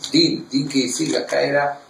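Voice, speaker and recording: A man teaching a Torah class, reading verses in Hebrew and explaining them in an animated way. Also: on the high side, normal speed, gravelly, roomy sound, recorded from a distance, a little hiss or hum, low-quality recording.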